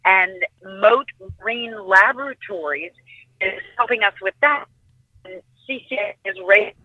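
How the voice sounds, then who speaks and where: A woman's voice: mid-range voice, a little slow, dry recording. Woman on a cell phone line breaking up. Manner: upbeat and informative, with many fillers. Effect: cell phone line breaking up and cutting out. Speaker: conservation group representative calling in. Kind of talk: phone-in radio interview.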